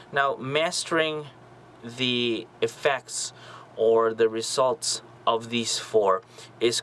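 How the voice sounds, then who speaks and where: A man's voice: mid-range voice, fairly bright tone, slight background noise, low-quality recording. A young man hosting a casual photography tutorial, explaining camera settings and checking in often with the viewer. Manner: friendly, checks in with "okay?". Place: small home studio with lights.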